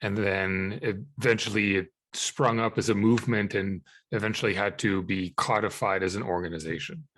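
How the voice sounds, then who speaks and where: A man in his thirties from Israel, a podcast guest answering questions in a halting way with many fillers and restarts. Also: fairly low pitch, steady tone, a bit bright, no room sound. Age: 30s. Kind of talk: conversational interview answers.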